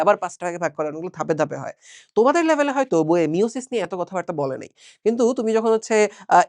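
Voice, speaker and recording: A man's voice: sits high, darkish tone, dry recording, studio quality. A young man with a Bangladeshi Bengali accent giving a casual exam-prep biology lecture, chatty, asking and answering his own questions. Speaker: online biology teacher.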